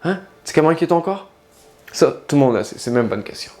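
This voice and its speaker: A man's voice: on the high side, animated, quick pace, darkish tone, soft background music. A man, a life coach and spiritual guide, speaking in a casual direct-to-camera monologue, talking straight to the listener and asking many rhetorical questions.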